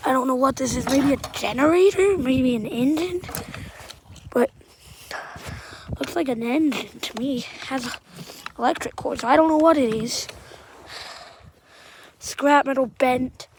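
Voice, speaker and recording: A woman with a Southern-sounding accent walking outdoors through storm damage, giving halting, rambling commentary that often trails off quietly. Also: high-pitched, background noise.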